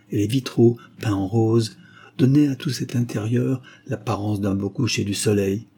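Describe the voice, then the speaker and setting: Husky dark-voiced male audiobook narrator. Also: fairly low pitch.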